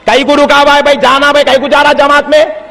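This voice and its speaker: A man with a very high, piercing voice preaches a fiery sermon, telling stories and breaking into shouts. He acts out the voices of the people in his tale. His words ring out with a long reverb, as if in a large hall. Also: fast talker, vocal fry. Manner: animated, bursts into shouts, acts out quoted voices.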